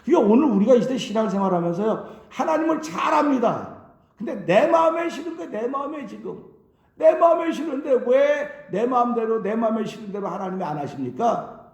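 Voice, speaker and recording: A man preaching a Korean early-morning sermon as pastor, animated and acting out dialogue with God. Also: very high-pitched, fairly quick. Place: church sanctuary. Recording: echoey sanctuary recording.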